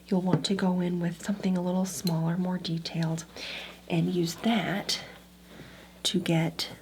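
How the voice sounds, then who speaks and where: A woman with a soft, low voice plays an antiques appraiser in an ASMR role-play. She eases through the instructions one step at a time, softly repeating little words. Audible background noise sits behind her.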